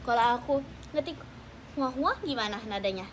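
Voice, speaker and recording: A woman's voice: fairly high pitch, animated, moderate pace, a little hiss or hum. A teenage girl hosting a casual livestream chat with fans, playful and teasing, talking at home at night. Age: teens. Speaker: idol livestream host.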